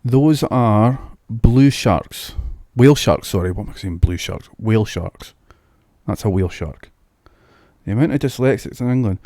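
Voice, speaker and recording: A man's voice: on the low side, normal speed, warm tone, dry recording, clean studio sound. A Scottish man streaming a video game, chatting casually and musing aloud about what he sees. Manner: chatty, muses aloud, restarts words. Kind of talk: casual gameplay commentary. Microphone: new studio mic.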